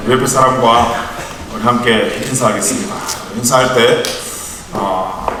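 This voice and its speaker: A man's voice: mid-range voice, steady tone, measured pace, noisy background. A man in his thirties who ministers to young adults, giving a conversational sermon and telling family stories with light humor in a church hall. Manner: chatty storytelling with light humor. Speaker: youth ministry evangelist. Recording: echoey church hall from far off.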